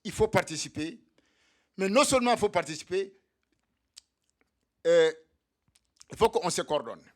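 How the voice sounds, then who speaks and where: High-voiced man rallying comrades. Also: expressive, unhurried, darkish tone. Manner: militant, repetitive rallying address to comrades. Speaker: activist speaker for undocumented migrants. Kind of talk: speech at a solidarity evening. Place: meeting hall.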